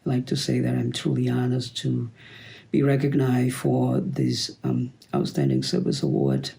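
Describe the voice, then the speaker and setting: A man in his fifties with a Cambodian accent gives a halting acceptance speech, pausing often on fillers. His voice is heavily gravelly and dark, with a mellow low tone. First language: Khmer. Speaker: award recipient.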